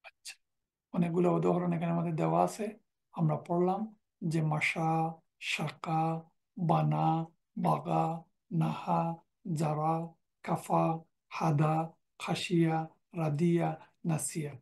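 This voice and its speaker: A man's voice: on the high side, flat delivery, takes it slowly, creaky, pauses often. A man teaching Quranic Arabic in a recorded lecture, reciting verb forms one after another and quoting Quran verses in between.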